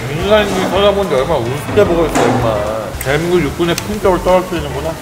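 A man's voice: a little high, expressive, rapid-fire, very noisy. A young man in military role-play banter over a meal, scolding in mock-stern, formal soldier speech. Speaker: performer in a comedy skit show. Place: cafeteria, indoors. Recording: echoey room with loud music. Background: loud music.

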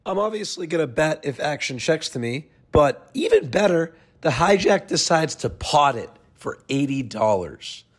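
A man in his twenties with a hoarse smoker's rasp and a congested cold, casually narrating poker hands in a brash, sweary way. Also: fairly high pitch, big pitch swings, normal speed, hardly any pauses, dry recording. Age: 20s. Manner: brash, profane, jokingly self-deprecating. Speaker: poker vlogger. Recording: voice-over with music behind.

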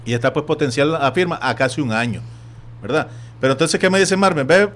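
A man with a Nicaraguan Spanish accent hosting a sports radio talk show, telling stories in an animated way and acting out other people's voices. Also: fairly high pitch, a little fast. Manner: animated storytelling, acts out quoted voices. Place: radio studio.

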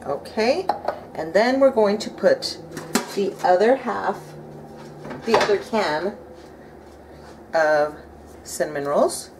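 This woman in her thirties is a home cooking vlogger narrating a recipe in her kitchen, upbeat and thinking aloud. She has a mid-range, animated voice but talks slowly with long pauses. The clear clatter of dishes, utensils, cutlery and pots fills the background.

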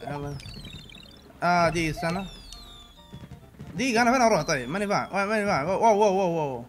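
A young man giving let's-play commentary, switching between muttering and loud outbursts. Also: high voice, expressive, very fast, soft background music. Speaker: gaming channel host.

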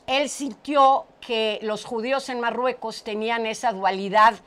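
A woman's voice: fairly high pitch, steady tone, measured pace, fairly bright tone. A middle-aged woman from Portugal hosting a studio talk show, chatting and translating for her guest, often repeating words as she goes. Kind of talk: casual chat, interpreting for a guest. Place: small studio set with brick wall. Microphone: lapel mic.

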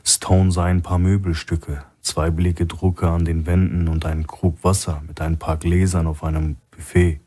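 A man narrating a crime audiobook in a measured, even reading style. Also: deep voice. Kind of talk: scripted narration.

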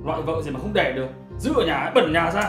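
Casting: rough, scheming young man, low quick voice, loud music in a roomy set. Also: lively intonation. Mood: threatening. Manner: rough, threatening, smooth-talking to the rich guest. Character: greedy bullying young husband. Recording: roomy echo, music behind.

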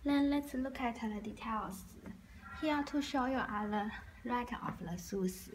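A woman with a Chinese accent, a native Chinese speaker and online shoe seller, narrating a product showcase in simple, halting English phrases. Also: fairly high pitch. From China. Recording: noisy recording with clicks.

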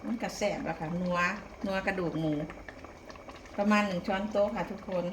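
A woman's voice: medium pitch, steady tone, brisk. Woman, Isan Thai accent, casual cooking vlog, folksy chatty delivery, roomy echo, noisy background with clinking pots. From Isan, northeastern Thailand. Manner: folksy, chatty, with polite particles. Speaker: home cooking vlogger. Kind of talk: casual cooking demonstration, addressing viewers. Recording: echoey room, clear background noise, clattering pots.

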